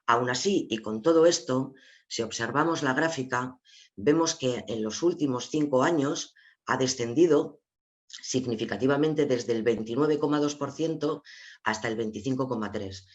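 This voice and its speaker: A man's voice: medium pitch, normal speed, lo-fi sound. A man with an Asturian Spanish accent presenting a report in an online seminar, explaining figures step by step and talking directly to the viewers. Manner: explanatory, addresses viewers directly, sharing slides. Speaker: webinar presenter.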